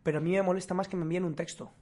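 A man's voice: high-pitched, fairly even intonation, very fast, a little mellow. A man co-hosting a podcast in casual chat, joking and swearing freely. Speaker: podcast co-host.

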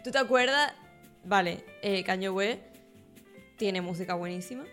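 A woman's voice: medium pitch, moderate pace, a bit bright, faint music behind. A woman, co-hosting a podcast and telling a story in casual chat. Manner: chatty storyteller, many fillers. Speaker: podcast co-host.

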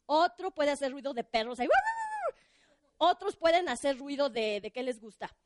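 A woman tells a children's story to a live audience, her voice high and animated. She keeps turning to the listeners with questions. The sound is dry and close. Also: moderate pace, no room sound. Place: bookstore.

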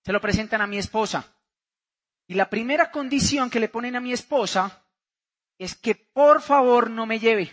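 A man from Santander, Colombia, with a Santander accent, giving a lively motivational seminar talk and asking the crowd questions as he tells his story. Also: very high voice, moderate pace. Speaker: motivational speaker.

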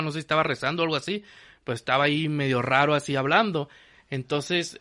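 A man's voice: fairly high pitch, bright, forceful tone. A man retelling a horror film casually, rambling with lots of fillers and restarts. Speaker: film recap host.

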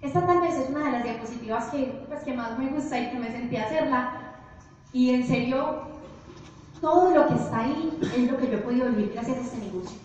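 High-voiced woman in an echoey hall. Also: fairly quick, a little hiss or hum. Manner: animated storytelling to an audience. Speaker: business presenter. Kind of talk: motivational presentation. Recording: echoey hall, distant, dull.

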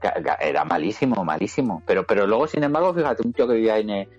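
Spanish guy rambling casually, low voice, muffled lo-fi sound, bit of music. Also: lively intonation, fast, a little mellow. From Murcia, Spain; raised in Madrid. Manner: rambling, repeats words, swears casually. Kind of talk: casual chat.

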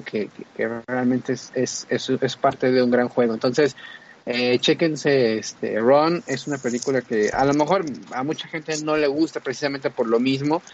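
A man's voice: mid-range voice, muffled recording, slight background noise. A man reviewing a film in casual chat, rambling with many fillers and restarts.

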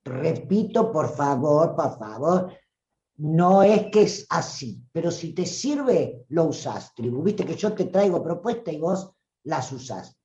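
A woman with a Rioplatense Spanish accent, a voice coach giving an animated live-streamed talk who acts out voices and calls listeners "tribu". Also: sits low, unhurried, echoey room, lo-fi sound.

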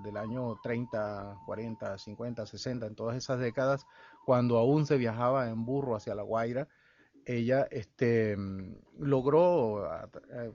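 A man from El Salvador, a guest musician and researcher, talks in a radio interview, pausing often with fillers and restarts. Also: medium pitch, a little mellow. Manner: halting, with many fillers and restarts. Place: radio studio. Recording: dull lo-fi radio broadcast.

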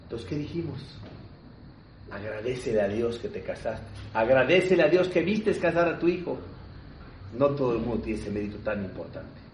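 A man giving a religious lesson. He tells stories emphatically, repeats himself, and swings between loud stresses and hushed asides. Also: mid-range voice, sing-song, normal speed, slight background noise. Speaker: rabbi teaching a class. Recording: roomy, distant, dull hall recording.

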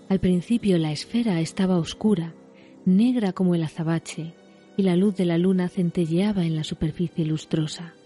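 A woman reading a novel aloud as scripted narration, measured and dramatic. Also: lowish voice, dark tone. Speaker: story reader.

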